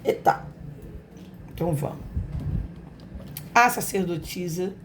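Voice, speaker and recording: A tarot reader and channel host with a Brazilian Portuguese accent gives a casual spiritual reading to camera, speaking slowly and unhurriedly in a hoarse, slightly low voice. She's affectionate and chatty, talking straight to her viewers, with background noise present.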